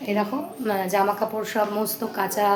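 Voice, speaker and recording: A woman with a hoarse voice chatting casually in a home vlog, often stopping to talk to her baby. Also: medium pitch, steady tone, normal speed, roomy sound, crowd noise. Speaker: vlogger.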